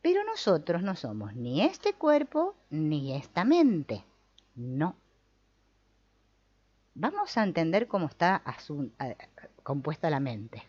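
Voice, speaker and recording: A woman teaches a spiritual lesson in a low voice that swings widely in pitch. She slips into little acted inner voices to make her points. The recording sounds a bit dull and lo-fi. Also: takes it slowly, long pauses, breathy edge. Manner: lively, acts out inner voices. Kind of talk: teaching a talk on the mind.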